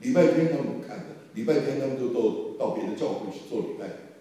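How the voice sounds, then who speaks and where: A man's voice: mid-range voice, fast, distant mic. Older man preaching in an echoey hall. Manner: animated storyteller, mimics voices, bursts of emphasis. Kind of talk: sermon testimony storytelling.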